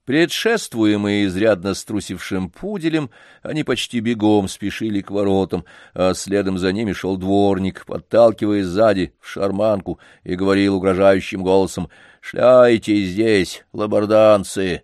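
A man narrating an audiobook in a measured, even manner. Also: low-pitched, no echo, clean studio sound.

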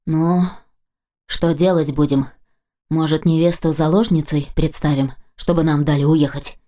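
A woman voicing a calm, matter-of-fact male kidnapper in the front seat of an audiobook scene. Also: low voice, a little slow, pitched below the performer's own voice.

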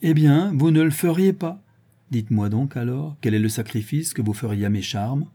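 A man's voice: medium pitch, animated, moderate pace, warm tone, slightly rough. A man reading an audiobook voices a proud, scornful woman who teases her suitor. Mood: mocking. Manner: scornful and teasing. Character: mocking, proud, worldly signora, woman.

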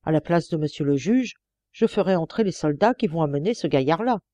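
A woman's voice: deep voice, expressive, fairly quick, warm tone, no room sound. Woman doing nervy old clerk guy, storybook reading, dry close mic. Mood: eager. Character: smiling older male court clerk, nervous.

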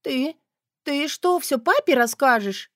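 A woman voicing a spoiled, bratty young stepdaughter who whines and shouts. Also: medium pitch, expressive, moderate pace, no room sound, studio quality, lightly acted. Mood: tearful shouting. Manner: whiny, capricious.

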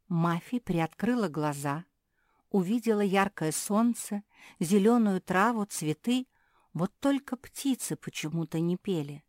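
A woman narrating a children's audiobook chapter in a measured storytelling manner. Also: medium pitch, a little mellow, no echo, studio quality.

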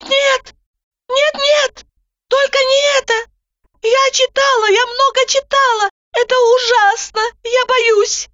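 A woman voicing a frightened young pregnant woman who pleads in a high, panicky voice, on a dull lo-fi recording. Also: fairly even intonation, a little slow, fairly bright tone, no echo. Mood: panicked. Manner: shrill, panicky, lisping out protests.

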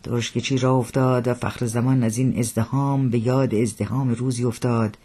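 A man narrates his own novel for an audiobook. His voice is husky and breathy, at a middling pitch, and his delivery is measured and literary. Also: flat delivery, warm tone. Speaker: author reading his novel.

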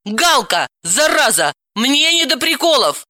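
A woman voicing a hot-tempered young woman who scolds and snaps in a high, indignant voice, in a storybook reading. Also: big pitch swings, normal speed, sharp tone, no room sound. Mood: scolding.

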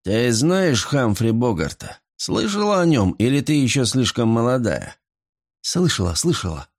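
A man's voice: medium pitch, big pitch swings, measured pace, voice pushed up. An older bearded regular holds court at the bar, grumbling and bragging between sips of whisky. His voice rises and falls a lot, as a man reads the part. Nothing in it sounds like a put-on old-man voice. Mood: boastful. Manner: grumbling, boastful.

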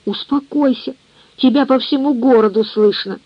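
An anxious young son pleads urgently and coaxes his father in an audiobook, as a woman narrator voices him. The voice is husky. The recording is dry and dull in tone. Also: sits high, moderate pace, dry recording. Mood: anxious coaxing. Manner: urgent, coaxing.

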